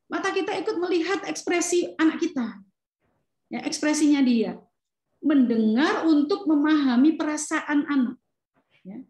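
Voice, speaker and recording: Middle-aged woman, parenting seminar speaker, high and animated, interactive lecture, roomy hall sound. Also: unhurried. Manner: animated, acts out parent and child lines.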